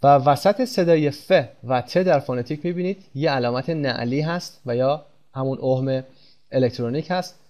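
A man teaching English pronunciation in Persian, speaking slowly and repeating example words with stress. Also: medium pitch, lo-fi sound. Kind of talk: pronunciation lesson.

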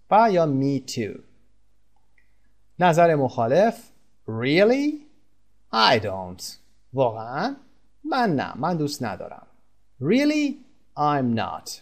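A man whose first language is Persian, teaching English in a recorded lesson, explaining step by step and drawing out the English example phrases slowly. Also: mid-range voice.

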